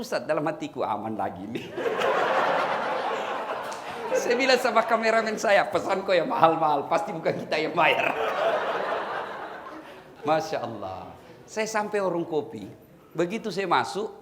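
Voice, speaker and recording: Here a middle-aged man preaches humorously in Makassar Indonesian, sharing stories and calling the audience "Pak." His voice sits high with a slightly bright quality, and there's a little background noise.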